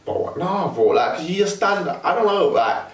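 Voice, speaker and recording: A young man with a London roadman accent, chatting casually in heavy slang and telling things in an animated way with acted-out asides. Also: sits high, normal speed. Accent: London roadman, multicultural London English. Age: young adult. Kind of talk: casual chat. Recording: roomy echo, distant from mic.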